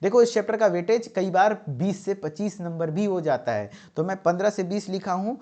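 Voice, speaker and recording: A man's voice: high voice, lively intonation, brisk, darkish tone. A man teaching pharmacy exam tips, repeating key points and checking in with his students often. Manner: repetitive, emphatic, checks in with "ठीक है".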